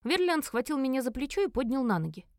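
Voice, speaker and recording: A woman's voice: high voice, fast, no echo, studio quality. Woman narrating a dramatic fantasy audiobook. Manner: expressive, dramatic reading.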